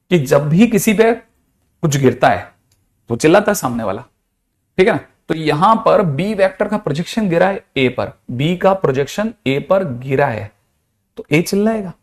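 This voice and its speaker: A man, a physics teacher giving a chatty, playful lecture. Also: a little high. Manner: chatty, playful, with mixed Hindi-English math terms.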